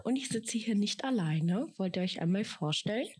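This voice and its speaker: A woman's voice: medium pitch, animated, moderate pace, a little mellow, husky. A woman of twenty, an apprentice, co-hosting a casual podcast chat and talking in a friendly, slightly hesitant way. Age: 20s.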